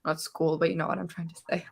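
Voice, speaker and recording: A woman with a low, level voice that's creaky and breathy at the edges hosts a book discussion livestreamed over an online call. Talking fairly quickly, she chats casually, reads viewer comments, and often plays out imagined reactions.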